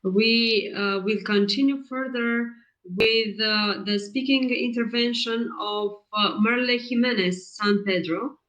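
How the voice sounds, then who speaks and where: A woman moderating a formal event, introducing speakers in a hesitant, halting way. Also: a little high, fairly bright tone, poor audio.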